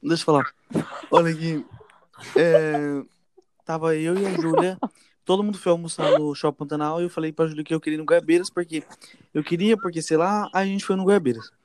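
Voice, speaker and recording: A young man, telling a story casually to friends in a lively, chatty way. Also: a little high, no room sound. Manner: fast, animated, addresses listeners as gente and velho.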